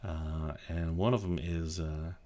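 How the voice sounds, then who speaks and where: This deep-voiced YouTube creator from Colorado, in his thirties, keeps a steady, soft tone during a gentle ASMR chat at his home office. He speaks quietly to avoid waking a child, and his talk rambles, halting with many restarts and fillers.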